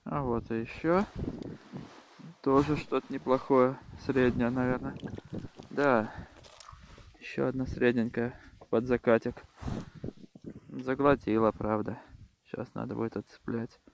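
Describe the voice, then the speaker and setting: A man talks casually to viewers while fishing outdoors. His delivery is slow, in short muttered remarks at a medium pitch. Faint wind and open-air noise sit on the microphone. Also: steady tone, creaky. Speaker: angler filming own fishing vlog.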